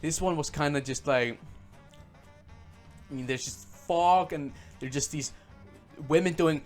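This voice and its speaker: A man's voice: fairly high pitch, unhurried, faint music behind. Sarcastic man ranting about a game. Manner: sarcastic, profane, many fillers. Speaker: game reviewer. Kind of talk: casual ranting review.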